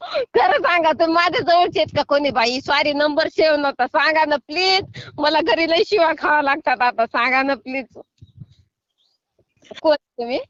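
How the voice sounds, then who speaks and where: A woman's voice: sits high, moderate pace, a bit bright, no echo. A middle-aged woman on a phone call, scolding at first and then pleading and apologizing. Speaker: prank call target. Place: sitting in a field.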